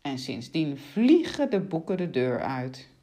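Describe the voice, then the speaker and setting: A woman narrating a children's story aloud with expressive, animated delivery. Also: deep voice, a little slow.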